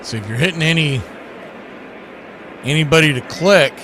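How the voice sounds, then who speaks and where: On a low-quality recording, a man with a fairly high, sharp-toned voice talks at normal speed as a live radio baseball play-by-play announcer, using folksy, colorful phrasing. Clear outdoor ambient noise runs behind him.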